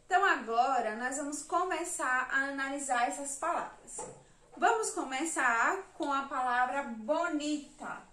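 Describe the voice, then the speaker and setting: Brazilian woman, primary teacher; slow, high and bright; distant mic, roomy echo. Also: expressive. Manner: slow, patient, counts letters and syllables aloud. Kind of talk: remote lesson for young children. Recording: echoey room, mic at a distance.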